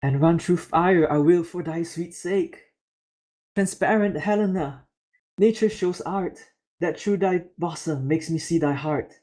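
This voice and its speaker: Man playing lovestruck young nobleman, slightly high, slow steady verse, amateur reading. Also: natural voice. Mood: fervent. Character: young nobleman, suddenly besotted and fervent. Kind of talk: amateur live-stream Shakespeare reading.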